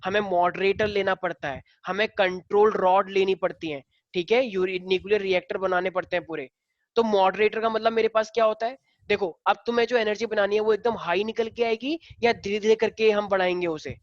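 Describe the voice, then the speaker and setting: A man's voice: high-pitched, fairly even intonation, fairly quick, no room sound, highs cut off. A male teacher lecturing a class in a casual way, explaining step by step and firing questions at the students.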